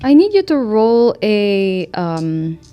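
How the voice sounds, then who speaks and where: A woman running a tabletop role-playing game as game master, narrating scenes at a very slow, deliberate pace. Her pitch is middling for a woman, and she pauses often, filling the gaps with small hesitations. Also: sing-song, lo-fi sound, soft background music. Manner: slow, unhurried, with fillers.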